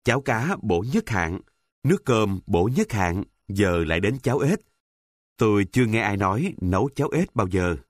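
A man narrating a story in a calm, measured, descriptive reading. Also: lowish voice, no room sound.

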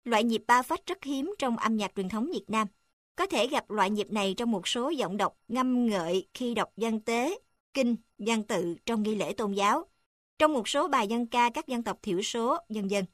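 Woman narrator, fairly high voice, formal textbook reading, dry close sound. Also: no room sound. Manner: even, formal reading with section numbers read aloud. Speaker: narrator reading a text on music.

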